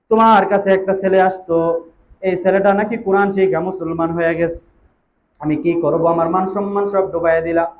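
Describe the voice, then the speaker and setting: A man preaching a storytelling sermon, chanting lines in a sing-song way and calling out loudly to the crowd. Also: sits high, slight background noise. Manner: chanting, sing-song delivery with loud exclamations. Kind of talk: Bengali waz sermon storytelling.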